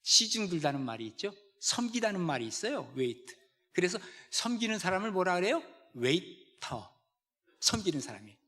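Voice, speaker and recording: Animated high-voiced male pastor preaching. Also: normal speed. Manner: animated, keeps quizzing the congregation. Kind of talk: sermon. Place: church sanctuary.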